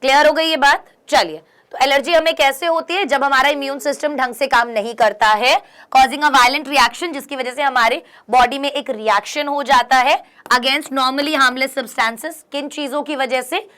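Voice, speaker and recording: A young woman teaching an exam-prep lesson, reading English lines slowly and then explaining them, often asking her students questions to check they follow. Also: high voice, steady tone, pushed and bright.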